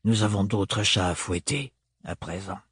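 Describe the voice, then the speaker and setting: A man's voice: low voice, little pitch movement, a little slow, slightly rough, no room sound, studio quality, voice pushed down, heavily acted. A man voicing a tall, stern and cold nobleman in an audiobook, curt and hard in his delivery.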